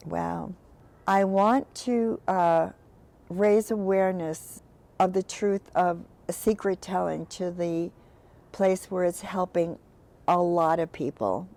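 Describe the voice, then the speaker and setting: A woman, an actress and writer, talking frankly as an interview guest, halting with fillers and restarts, then giving short decisive answers. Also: on the low side, fairly even intonation, creaky, darkish tone. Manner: short, decisive one-word answers in quick rounds. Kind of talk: candid interview conversation.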